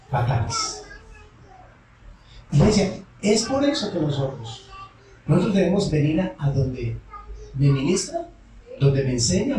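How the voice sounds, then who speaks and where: A man's voice: on the high side, dark tone, a little hiss or hum. A male pastor preaching a call-and-response sermon, asking the congregation questions and answering them himself. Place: church sanctuary. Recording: echoey church hall from far off.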